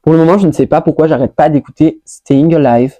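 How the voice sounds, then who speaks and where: A woman's voice: deep voice, brisk, mellow, no room sound. A woman vlogger chatting casually through a monthly roundup, scattered and full of fillers, dropping English words as she goes. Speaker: lifestyle vlogger. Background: faint music playing.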